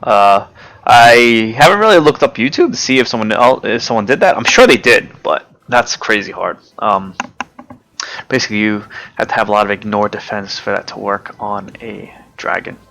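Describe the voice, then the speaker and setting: A man giving casual, hesitant commentary over his own gameplay, often pausing with fillers and forgetting names. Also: lowish voice, animated, vocal fry, a bit bright. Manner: hesitant, many fillers, loses track of names. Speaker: gaming video creator.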